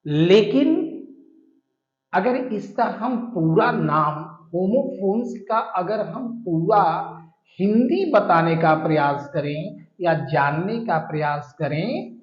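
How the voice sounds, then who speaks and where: In a dull, echoey lo-fi recording, a man teaching English vocabulary speaks slowly with a high voice and lively intonation. Like a classroom explanation, he patiently goes over terms, repeating each word and spelling it letter by letter.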